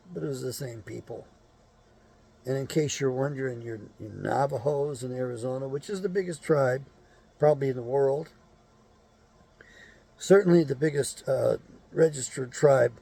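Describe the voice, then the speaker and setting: Older guy ranting on his show, gravelly and dark, swears a lot. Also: medium pitch. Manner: blunt, cursing, rants with rhetorical questions. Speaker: show host. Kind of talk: rambling opinionated monologue.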